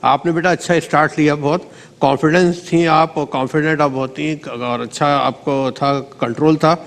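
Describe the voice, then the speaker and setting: Male judge, fairly high voice, rambling and encouraging with kids, reverberant studio. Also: fairly even intonation. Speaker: competition judge. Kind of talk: giving feedback to child contestants.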